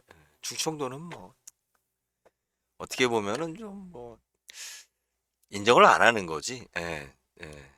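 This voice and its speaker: A man's voice: lowish voice, bright, forceful tone, dry recording, studio quality. A man from central South Korea, hosting a casual real estate livestream, talking bluntly with frequent fillers and chuckles. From Chungcheong region, South Korea.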